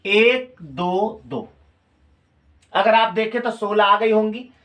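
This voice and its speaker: This man's voice is high, slow, and fairly bright. He's a teacher with a Hindi accent from Uttar Pradesh, lecturing a class, repeating key phrases and constantly testing students with questions.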